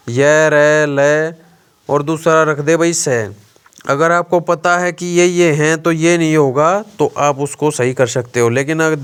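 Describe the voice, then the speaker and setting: A young man teaching an exam-prep grammar lesson, slowly drilling letters one by one, asking questions and answering them himself, often calling his listeners brother. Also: on the high side, clear, resonant tone. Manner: addresses listeners as brother (bhai).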